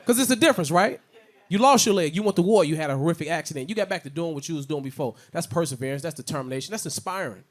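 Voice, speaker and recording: Young man from Chicago, stand-up comic, fairly high voice, animated, acts out characters. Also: rapid-fire. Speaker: stand-up comedian. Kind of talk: stand-up set.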